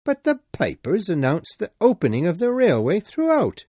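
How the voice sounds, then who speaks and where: A man voicing an older British general who questions loudly and indignantly. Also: high voice, wildly swooping pitch, slow, breathy edge, no room sound, voice pushed up, heavily acted. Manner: exclamatory, questioning.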